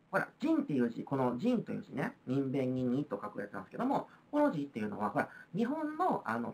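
A woman with a Kansai accent gives a recorded video lecture on history, explaining things chattily and using lots of fillers. Her voice is extremely low and fairly bright, with vocal fry.

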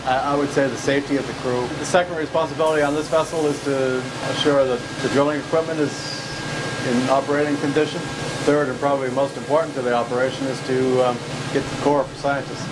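A middle-aged man, a driller giving informal interview answers in a halting way with frequent pauses. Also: medium pitch, fairly even intonation, noisy background. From Canada. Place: rig control station on a ship.

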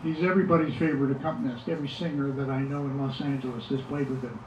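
A man's voice: medium pitch, steady tone, rapid-fire, a little mellow, slight background noise. Older man, loose rambling talk, dull lo-fi sound in an echoey shop. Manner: rambling, with fillers and restarts. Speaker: musician speaking at an event. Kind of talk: casual remarks to an audience. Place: music shop, indoors. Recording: echoey room from far off, dull lo-fi.

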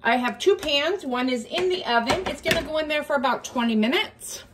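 In a high, expressive voice and at a slightly fast clip, a home cooking vlogger walks viewers through each step of a casual cook-along in her own kitchen. Kitchen sounds and clinking dishes come through clearly.

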